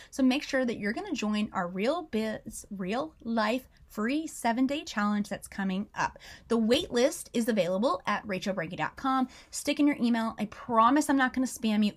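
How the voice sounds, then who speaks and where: A woman from the United States hosting a business podcast, chatty and upbeat, with frequent laughter. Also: on the high side. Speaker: podcast host. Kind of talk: casual podcast chat.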